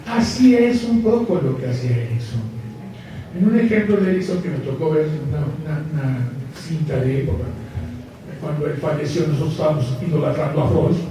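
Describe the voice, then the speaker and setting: Lively man lecturing in an echoey hall. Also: a little high, a little fast. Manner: lively, joking, asks the audience questions. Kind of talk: live conference lecture. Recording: echoey hall, mic far off, faint hiss.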